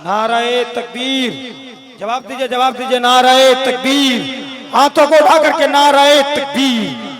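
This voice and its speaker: High-voiced man leading crowd chants. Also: fairly even intonation, unhurried, pauses often. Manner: rousing, calling for responses. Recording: live crowd noise.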